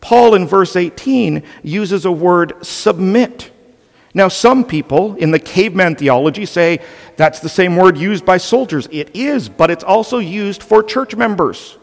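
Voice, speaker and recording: A man's voice: high voice, expressive, measured pace. Guy pastor preaching earnest and emphatic, long echo like a big sanctuary. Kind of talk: sermon.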